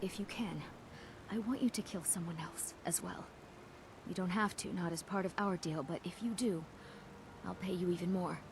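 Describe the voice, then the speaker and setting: Bitter, vengeful low-voiced woman played by an actress. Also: normal speed, natural voice. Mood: conspiratorial. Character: bitter, vengeful jilted woman in fantasy game. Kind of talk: dramatic video game voice acting. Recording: game audio with clear background noise.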